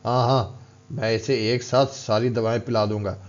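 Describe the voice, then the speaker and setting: A man reads a storybook part as a gruff older strongman mentor, a harsh, stern bully who scolds and mocks in a rough, commanding, taunting manner. His natural voice is middling in pitch, steady in tone and at normal speed, sounding slightly dull on a lo-fi recording.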